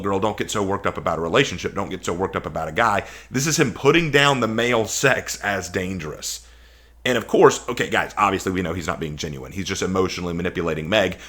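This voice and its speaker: With a deep voice and a sharp tone, a male video commentator argues his opinions emphatically in a casual response video. He leans on sarcasm and incredulous rhetorical questions.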